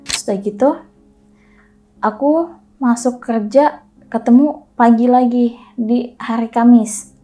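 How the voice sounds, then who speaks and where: A woman telling a personal story in casual chat, animated and acting out the voices of the people in it. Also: on the high side, unhurried, long pauses, a little hiss or hum. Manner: animated, acts out dialogue in quotes.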